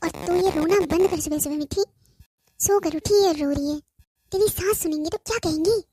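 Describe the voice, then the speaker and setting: A woman's voice: very high voice, normal speed, mellow. A woman voicing a worried cartoon mother on the phone who presses her daughter with questions and scolds her firmly. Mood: firm scolding. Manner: anxious questioning, then firm scolding. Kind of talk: cartoon voice acting.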